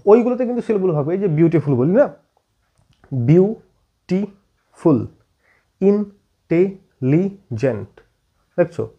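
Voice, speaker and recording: A man from teaching an English grammar lesson, constantly checking whether students follow with quick questions. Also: fairly high pitch, mellow, lo-fi sound. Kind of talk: classroom-style video lesson.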